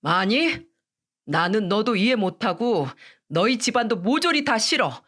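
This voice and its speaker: A woman's voice: medium pitch, animated, unhurried, a bit bright. A woman voicing a firm young man, a devoted son who speaks bluntly, in a radio story.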